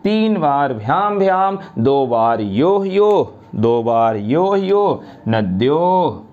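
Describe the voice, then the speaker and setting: A man teaches grammar to a class, talking straight to the students and spelling out each word form at a very slow, deliberate pace. He repeats the endings over and over so they stick. The recording sounds a little dull and lo-fi. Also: on the high side, sing-song. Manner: slow, drawn-out recitation of word forms.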